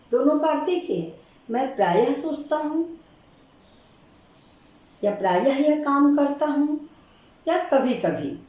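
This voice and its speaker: A woman teacher giving a grammar lesson for exam preparation, patiently repeating each word slowly so students catch the correct form. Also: on the high side, dark tone. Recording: very echoey room.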